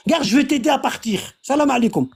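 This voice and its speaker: A man's voice: very high voice, expressive, fast, gravelly, slightly rough. A man hosting a live online debate, arguing and repeating himself. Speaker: live stream host.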